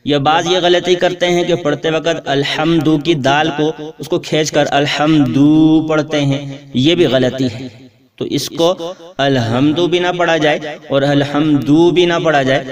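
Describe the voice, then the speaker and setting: Male Quran teacher, slightly high voice, patient word-by-word explanations, chanted recitation, distant mic. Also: steady tone, highs cut off.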